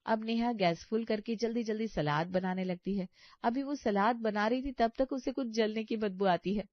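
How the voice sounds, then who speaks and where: A woman narrating a scripted family story in an even storytelling manner, on a dull, lo-fi recording. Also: a little high, normal speed, dry recording. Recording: dull lo-fi sound.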